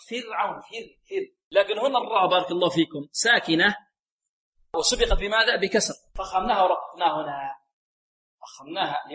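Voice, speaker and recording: Male tajweed teacher, high pitch, runs a question-and-answer lesson. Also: fairly bright tone, poor audio. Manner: explains rules, asks pupils questions and gives the answers. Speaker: Quran recitation teacher. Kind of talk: tajweed lesson with call and response. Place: radio lesson.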